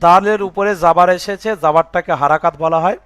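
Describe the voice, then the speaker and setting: High fast-talking male teacher. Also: fairly even intonation, a bit bright, clear, resonant tone, no room sound, studio quality. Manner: breaks words into letters and vowel marks, checks "বুঝে আসছে?". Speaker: Quran reading teacher. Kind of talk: spelling-out recitation lesson.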